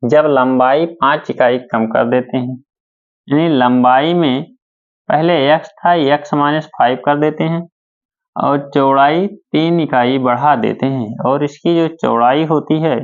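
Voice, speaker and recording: A man's voice: mid-range voice, fairly even intonation. A male math teacher, working through problems step by step and asking questions back to his students. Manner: slow, repeats steps and asks questions back to students. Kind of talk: board-work math lesson. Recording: dull lo-fi sound.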